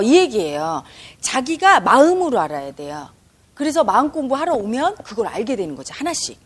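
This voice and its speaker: A woman's voice: on the high side, breathy edge. A woman giving an emphatic, conversational spiritual lecture as a meditation teacher, often turning to her listeners with direct questions.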